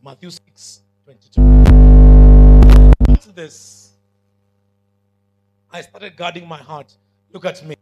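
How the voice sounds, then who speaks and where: Over loud background music and poor audio, a man with a Kenyan accent gives a sermon to students in a fairly high, gravelly voice. He goes slowly and pauses often, but his voice is big and commanding, and he emphatically keeps asking whether the crowd is with him.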